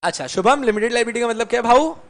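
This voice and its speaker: High-voiced man teaching a playful class. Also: lively intonation, rapid-fire, a bit bright. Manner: playful, teasing students, mixes Hindi and English. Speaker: law lecturer. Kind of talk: classroom lecture.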